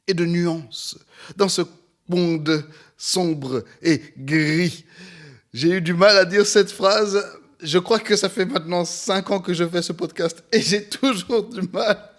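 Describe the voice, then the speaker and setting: Upbeat man in his forties, pastor. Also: high-pitched. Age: 40s. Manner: energetic, upbeat, animated. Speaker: pastor and podcast host. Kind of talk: podcast sermon. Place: at home near an airport, planes passing.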